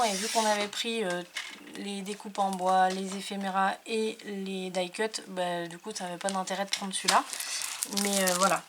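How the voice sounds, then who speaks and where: A scrapbooking YouTuber with a mid-range voice shows off craft papers she received in a casual product haul. She's chatty but hesitant, using lots of fillers, and there's background noise.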